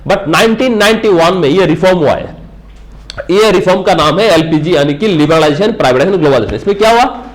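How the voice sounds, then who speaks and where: A man's voice: high voice, lively intonation, fast talker. A middle-aged man teaching a classroom lecture, talking straight to his students and checking again and again that they follow. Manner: explains with many "ठीक है?" checks, addresses students directly. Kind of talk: classroom lecture mixing Hindi and English.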